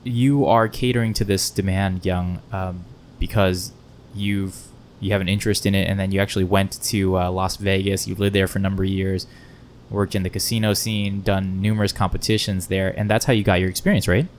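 A man hosts a casual podcast interview in a wood-panelled indoor bar lounge, speaking a little fast in a level tone. He uses a close podcast mic on a stand, and there's a low rumble with faint room noise.

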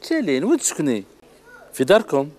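An Algerian-accented man hosts a children's television show, coaxing and praising each child in turn. His voice leaps all over the place, and he talks quickly. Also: fairly high pitch, huge pitch swings, a little mellow. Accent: Algerian Arabic. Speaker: children's TV host. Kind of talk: lively children's TV studio talk.

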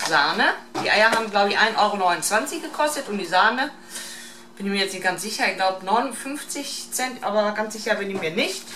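Woman, middle-aged, casual unscripted vlog talk, halting listing, distant camera mic, clearly noisy background. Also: mid-range voice, reverberant. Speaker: vlogger showing a shopping haul. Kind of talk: casual unscripted haul commentary. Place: home kitchen, indoors. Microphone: camera mic at a short distance.

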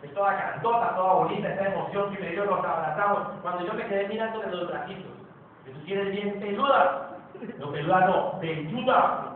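A man's voice: high-pitched, a little fast, a little hiss or hum. A Colombian man giving a joking motivational talk to a live audience, telling stories and asking the crowd questions. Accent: Colombian Spanish. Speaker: motivational speaker. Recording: distant, phone-like, echoey hall with audience.

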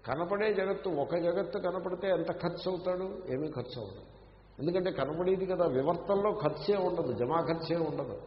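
A man with a Telugu accent giving a Vedanta discourse in an ashram hall. He explains by asking his listeners questions and chants Sanskrit verses slowly. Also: on the high side, slight background noise. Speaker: Vedanta teacher. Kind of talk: scriptural discourse. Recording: muffled, echoey hall recording.

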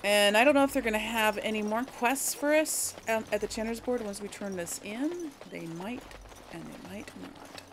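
A woman with a mid-range voice and normal pace offers casual commentary on her role-play playthrough, with a little background noise present. She muses to her viewers, hesitating and correcting herself along the way.

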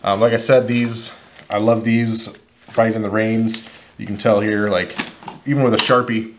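At a wooden table in an indoor workshop, an HVAC technician in his thirties casually talks to camera about his everyday tools, rambling and repeating words as he thinks. His voice is fairly low, with little pitch movement and a moderate pace. A slight hiss or hum is audible.

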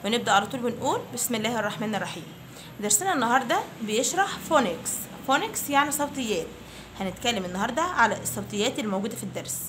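A woman's voice: a little high, fairly bright tone, a little hiss or hum. A woman with an Egyptian Arabic accent, an English teacher giving a patient online lesson to schoolchildren. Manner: patient, addresses pupils affectionately. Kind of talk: YouTube lesson for children.

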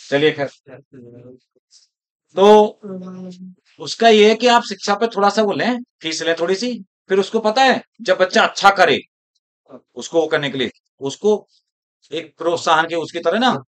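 A male teacher lecturing his class, his voice sitting a little on the high side. He talks rhetorically and keeps asking the students whether they are following him. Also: fairly bright tone.

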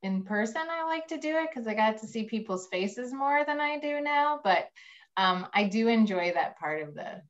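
A woman's voice: fairly high pitch, lively intonation, moderate pace. A middle-aged woman priest casually explaining things for children on a video call. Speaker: priest, interview guest. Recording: slightly dull video-call audio.

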